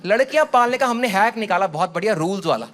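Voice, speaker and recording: High-voiced man doing stand-up. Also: expressive, fast. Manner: conversational, mixes in English phrases, acts out quotes. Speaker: stand-up comedian. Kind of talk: stand-up comedy set. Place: comedy stage before a live audience. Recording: loud live audience laughter and noise.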